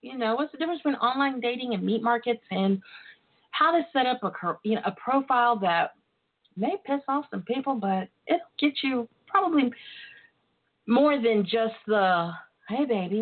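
A woman hosting a casual internet radio show with a campy, sassy, bawdy and chatty manner. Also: on the high side. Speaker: host. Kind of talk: casual solo radio chat. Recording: tinny phone line sound.

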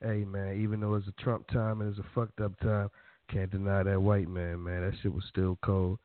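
A man hosts a casual radio show with a relaxed, slangy delivery and laughs freely. The sound is thin and lo-fi, like a phone line, and dry. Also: low-pitched, moderate pace, no echo. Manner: laid-back, laughing, slangy. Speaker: radio host. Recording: tinny lo-fi line.

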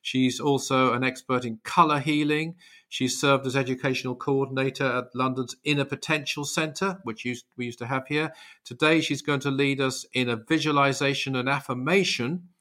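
Guy hosting a show doing a guest intro, bright forward voice, medium pitch. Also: fairly even intonation, normal speed. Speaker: show host.

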